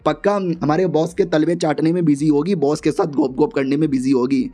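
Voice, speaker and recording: A man's voice: a little high, fairly even intonation, brisk, warm tone, natural voice. A man doing a spiteful, jealous office woman. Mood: sneering. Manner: catty, insulting.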